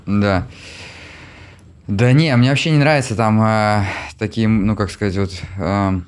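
Low-voiced hesitant man in his forties. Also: measured pace, clear, resonant tone. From Russia. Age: 40s. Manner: reflective, hesitant, many filler sounds. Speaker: interview guest, entrepreneur. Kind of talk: casual conversation.

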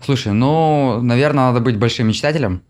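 A man in his forties from Russia, an interview guest who answers reflectively with many pauses and filler sounds. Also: medium pitch, a little mellow. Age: 40s. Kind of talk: casual conversation.

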